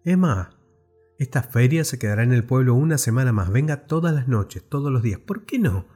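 A man's voice: medium pitch, expressive, brisk, dark tone, slightly rough, soft background music. A man voicing an eager little male fairground performer who speaks rapturously, in a storybook reading. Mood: coaxing. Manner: rapturous, pleading.

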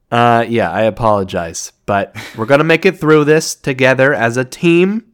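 A man's voice: mid-range voice, clean tone. A man co-hosting a casual gaming podcast, sick with a nasal, sniffly voice and a jokey, upbeat way of talking. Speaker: podcast co-host.

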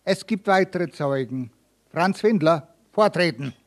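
A man's voice: a little high, animated, unhurried. A man reading as a cold, scornful old-time judge. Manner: cold, threatening, mocking. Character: stern, scornful male village judge.

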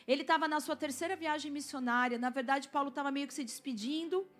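High-voiced woman preaching. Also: fast talker, fairly bright tone, soft background music. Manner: storytelling, asks the congregation to respond. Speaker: pastor. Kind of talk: sermon with personal testimony.

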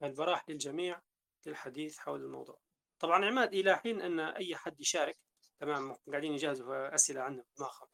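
Rapid-fire and sharp-toned, with vocal fry and a fairly high pitch, this man hosts a casual podcast. He has a Libyan Arabic accent, works through ideas at length, and frequently starts his sentences over.

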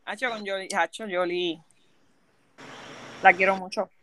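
A young woman with a Puerto Rican accent, chatting casually with friends, loud and laughing, swearing freely. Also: medium pitch, steady tone, a little slow, a little hiss or hum. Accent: Puerto Rican Spanish. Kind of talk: casual chat among friends.

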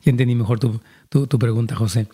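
Male pastor, husky and warm-toned, earnest counseling voice. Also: mid-range voice, steady tone, fast talker. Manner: earnest, preachy, addresses listeners directly.

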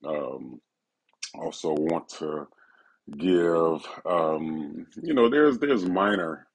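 A man hosting a casual, intimate solo podcast, speaking in a laid-back, personal way right in the listener's ear, with a gravelly, husky voice. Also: rumbling low, very slow, low-quality recording. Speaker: podcast host.

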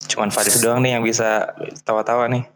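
A man's voice: medium pitch, flat delivery, fairly quick, slight background noise. A man chatting casually as a podcast co-host. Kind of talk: casual chat.

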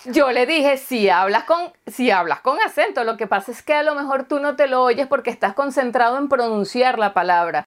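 A woman's voice: sits high, animated, normal speed, few pauses. A Venezuelan woman in casual chat, telling a story and acting out the dialogue. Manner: chatty storyteller, acts out dialogue.

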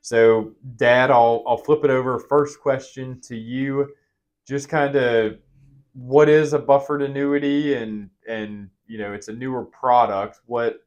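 A man's voice: medium pitch, steady tone, measured pace, a little mellow. A man hosting a finance podcast, explaining things in a conversational way as a financial advisor.

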